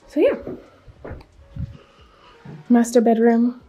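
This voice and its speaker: A woman's voice: fairly high pitch, animated, extremely slow, dark tone, highs cut off, faint music behind. A woman in her twenties chatting casually to viewers as she tours her empty new house, a little out of breath. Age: 20s. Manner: chatty, upbeat, talking to viewers. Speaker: vlogger. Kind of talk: casual home tour vlog.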